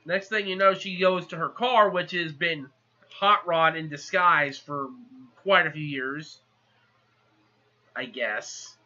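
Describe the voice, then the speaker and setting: A high-voiced man with a very bright, sharp tone talks through a movie's plot in a loose, chatty recap. The recording is a little muffled and lo-fi. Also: takes it slowly. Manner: chatty, animated, acts out characters. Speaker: movie reviewer. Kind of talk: casual rambling plot recap.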